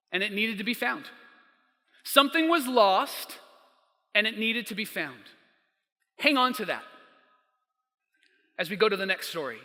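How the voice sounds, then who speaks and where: High bright-voiced man preaching. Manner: storytelling, emphatic, slows down for quotes. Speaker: pastor. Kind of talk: sermon. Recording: long hall reverb.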